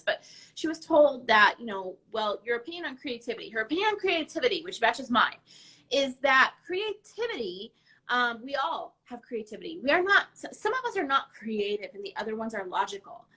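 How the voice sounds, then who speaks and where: A woman's voice: a little high, sharp tone, poor audio. A woman hosting a casual, unscripted live stream in an informal, chatty way. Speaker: podcast host and designer.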